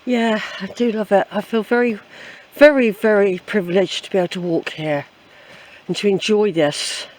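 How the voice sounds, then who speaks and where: A woman's voice: medium pitch, moderate pace, darkish tone. Older English woman rambling on a walk. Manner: chatty, reflective, repeating phrases. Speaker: hiking vlogger. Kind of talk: casual rambling walk commentary. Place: outdoors on a woodland trail.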